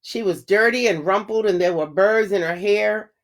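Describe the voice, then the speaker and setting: A woman reading a children's fairy tale aloud to young listeners. Her delivery is clear, measured and expressive, slowing down for the rhymes. Her voice sits in a mid pitch. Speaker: storyteller. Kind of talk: children's storybook read-aloud.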